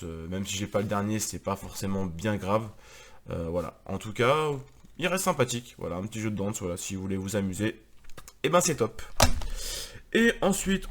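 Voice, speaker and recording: A man's voice: medium pitch, a little hiss or hum. Chatty man presenting his games. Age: adult, married with a daughter. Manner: chatty, rambling, many fillers. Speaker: YouTuber presenting his game collection. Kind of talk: casual video chat.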